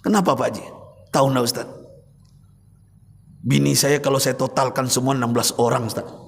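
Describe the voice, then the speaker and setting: A man voicing a remorseful rich man in his seventies, confessing in a low pleading voice. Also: flat delivery, brisk, creaky, close to an everyday voice. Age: 70s. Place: mosque hall. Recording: reverberant mosque hall.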